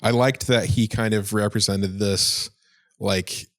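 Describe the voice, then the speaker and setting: A man's voice: lowish voice, fairly even intonation, a little slow, a bit bright, dry recording. Young guy co-hosting a movie podcast, laid back, lots of likes and ums, dry mic. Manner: easygoing, filler-heavy, laughs often. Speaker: podcast co-host. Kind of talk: casual film discussion.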